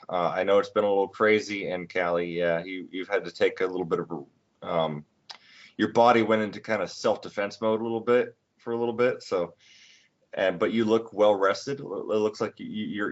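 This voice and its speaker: Man, twenties, podcast host, casual chat, halting restarts, low-ish voice, dull lo-fi sound. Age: 20s. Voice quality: halting, many restarts and fillers. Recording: dull lo-fi recording.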